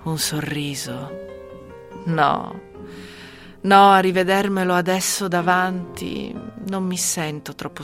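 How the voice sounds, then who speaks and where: An actress playing a greedy, scheming widow, speaking a slow, brooding inner monologue in a radio drama. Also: female voice, on the low side.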